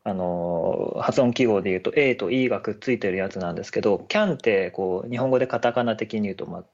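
A man's voice: fairly low pitch, fast talker, darkish tone. A man chatting casually and politely on a podcast, often laughing. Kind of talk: casual chat. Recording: dull lo-fi audio.

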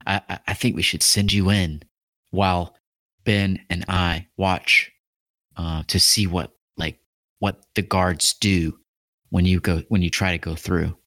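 A man playing a tabletop game, talking in halting restarts and swearing freely. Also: sits low, flat delivery, a bit bright, dry recording, clean studio sound. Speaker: player.

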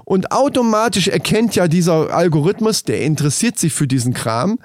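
A man's voice: high-pitched, animated, fairly quick, a little mellow, no room sound, studio quality. A man talking in casual podcast chat, rambling, restarting sentences and swearing now and then.

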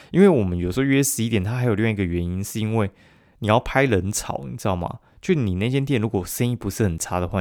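A man's voice: lowish voice, a little mellow, no room sound, studio quality. Profane Taiwanese man ranting on a podcast. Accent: Taiwanese Mandarin. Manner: profane, exasperated storytelling with heavy swearing. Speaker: podcast host. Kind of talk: casual solo podcast rant.

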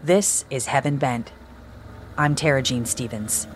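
A woman's voice: very deep voice, unhurried, background noise. A woman hosting and narrating a true crime podcast in a scripted style.

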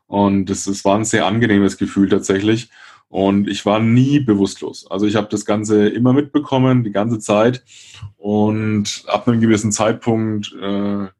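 Franconian guy around 30, rolls his r, kinda low voice, chatting as interview guest. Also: flat delivery, moderate pace, darkish tone. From Franconia, Germany. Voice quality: rolled r. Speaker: guest, speaker and change coach. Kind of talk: conversational interview, personal account.

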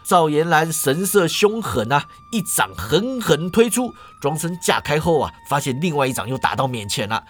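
A man reading a martial-arts novel aloud in an animated storytelling style, stretching phrase endings. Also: on the high side, moderate pace, hardly any pauses, a little hiss or hum.

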